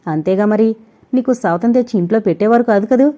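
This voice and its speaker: A woman's voice: medium pitch, brisk, close to an everyday voice. A woman voicing a spoiled, bossy young woman who scolds and orders the household staff around. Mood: dismissive. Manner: sharp, scolding, commanding. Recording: dull lo-fi recording.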